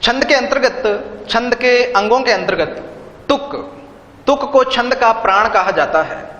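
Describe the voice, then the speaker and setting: A man teaching an online literature lesson, explaining slowly and repeating key terms with synonyms. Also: extremely high pitch, a bit bright. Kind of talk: online Hindi literature lecture. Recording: echoey room, dull lo-fi sound.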